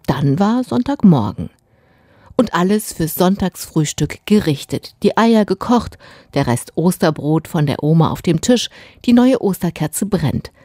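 A middle-aged mother tells a scripted story from her own family life with a wry, dry sense of humor. Her voice sits on the lower side, and the recording is close and dead, with no room sound. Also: lively intonation, a little slow, warm tone, dry recording. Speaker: mother telling a family anecdote. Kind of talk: scripted first-person story narration.

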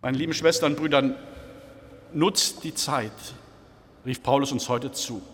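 A man preaching a sermon in a church, slow and reflective, posing question after question to the congregation. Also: medium pitch, a bit bright, a little hiss or hum. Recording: church hall with long reverb.

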